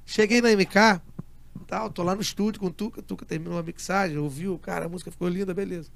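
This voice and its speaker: A man speaks very quickly in a slightly high, gravelly voice. He is a guest in an interview, telling a long story with lively energy and acting out each quoted line in turn. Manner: animated storyteller who acts out quoted dialogue. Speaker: interview guest, music producer.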